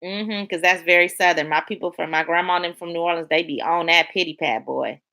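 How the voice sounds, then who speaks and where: Woman streamer, relaxed and colloquial, reads chat aloud, bright tone. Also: lowish voice, a little fast. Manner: chatty, colloquial, talks to viewers by name. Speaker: livestream host reading chat. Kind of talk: casual live-stream chat.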